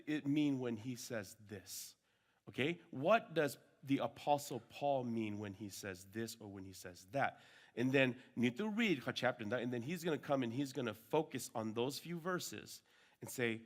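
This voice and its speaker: A man's voice: a little high, pushed and bright. A man teaching a workshop group informally, often checking in with short tags and sometimes switching languages. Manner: switches between English and Hmong mid-talk; frequent check-in tags like okay and right. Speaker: workshop trainer teaching Bible discipleship.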